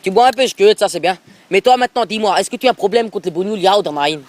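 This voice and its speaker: Man putting on a pushy Alsatian football coach, high voice, rambling prank call, phone close to the mouth. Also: quick pace, natural voice. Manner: pushy, rambling, repeats filler tags. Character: brash bigoted middle-aged male football coach, pushy. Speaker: prank caller. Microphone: phone held close to mouth.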